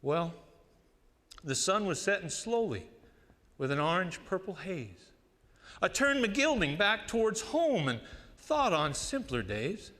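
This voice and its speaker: Male cowboy poet, higher-pitched Western twang, folksy and unhurried delivery with dramatic pauses, recitation in a reverberant hall. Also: very animated, fairly bright tone. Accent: American West cowboy twang. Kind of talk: cowboy poetry recitation to an audience.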